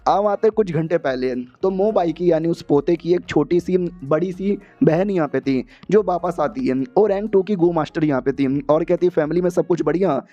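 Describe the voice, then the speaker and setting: A man's voice: fairly high pitch, normal speed, hardly any pauses, dark tone, no echo, lo-fi sound, faint music behind. A man retelling a comic story in a casual, chatty way, full of crude slang. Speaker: manga explainer.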